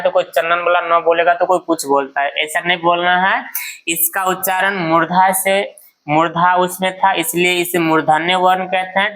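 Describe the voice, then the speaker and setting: A woman's voice: lowish voice, fairly bright tone, low-quality recording. A woman teacher giving a grammar lesson, repeatedly asking a question and answering it herself. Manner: drills by asking and answering her own questions.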